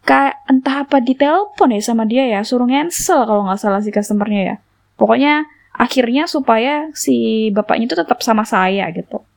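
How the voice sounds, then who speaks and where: A woman's voice: a little high, moderate pace, creaky. A young woman vlogger telling a personal story in a casual, chatty way, full of fillers and little laughs.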